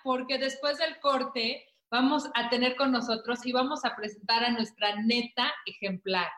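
A woman's voice: fairly high pitch, fairly even intonation, moderate pace, fairly bright tone, poor audio. A woman hosting a daytime talk show, chatting and thanking people. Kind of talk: casual chat.

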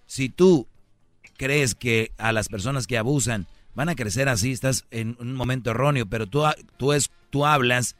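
Man, radio host, lecturing, brash, crisp forceful voice, dry close sound. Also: mid-range voice, normal speed, no echo. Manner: combative, lecturing, self-assured; repeats a slangy address to callers. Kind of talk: heated on-air argument.

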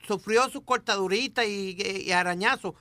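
A man's voice: high voice, moderate pace, bright, forceful tone, dry recording. A man telling a story on a radio show in a casual, emphatic way.

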